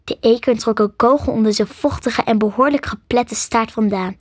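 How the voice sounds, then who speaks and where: A woman reads a children's story aloud in a steady, soft way. Her voice sits fairly high. The recording is close and dry. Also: normal speed, no echo. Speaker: narrator. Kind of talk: scripted storybook narration.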